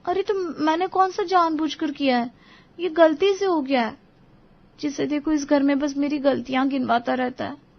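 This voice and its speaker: A woman's voice: sits high, normal speed, highs cut off, voice pushed up, close to an everyday voice. A woman voicing a timid, eager young daughter-in-law in a cartoon story, polite and anxious to please. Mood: indignant.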